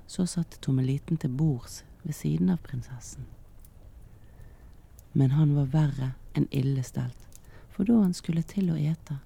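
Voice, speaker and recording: A man tells a fairy tale slowly in a soft, half-whispered voice meant to relax the listener. His tone is very dark and mellow, with a husky, gravelly texture. The pace stays calm and unhurried. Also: a little high. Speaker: storyteller. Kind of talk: slow whispered storytelling for relaxation.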